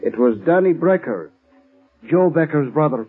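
A man's voice: fairly high pitch, animated, normal speed, slightly rough, soft background music. An actor playing a blunt, matter-of-fact policeman in a 1940s radio drama, on a muffled old recording. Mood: blunt, businesslike.

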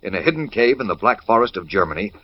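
A man's voice: on the low side, big pitch swings, fast talker, slight background noise. An American man narrating a 1940s radio serial from a script in a dramatic, suspenseful way. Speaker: narrator and announcer. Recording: dull old radio broadcast recording.

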